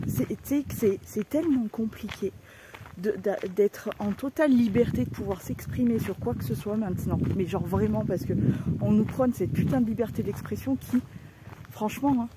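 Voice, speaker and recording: A blunt woman vlogger talks in a loose, colloquial way and does not hold back her swearing. Her voice sits a little high for a woman. Loud, steady background noise runs under everything she says. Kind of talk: casual vlog rant.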